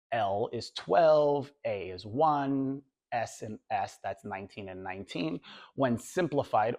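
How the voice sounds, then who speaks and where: A man with a hoarse, recovering voice, teaching a class in a conversational lecture style and often checking in with "right?". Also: mid-range voice, a little mellow. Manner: conversational, tag questions, drawn-out emphasis.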